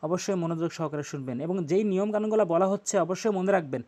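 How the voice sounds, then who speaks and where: A man with a Bangladeshi Bengali accent teaching tajweed, spelling Arabic letters out slowly and chanting verses in long drawn-out tones. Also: high-pitched, lively intonation, a little mellow. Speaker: Quran recitation teacher. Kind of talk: tajweed lesson with recitation.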